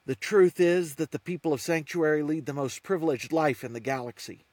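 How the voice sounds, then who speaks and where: A man's voice: on the high side, fairly quick, darkish tone, no room sound, pitched above the performer's own voice, natural voice. A man voicing a young, defiant prophet who lectures a council in an earnest, reproachful way.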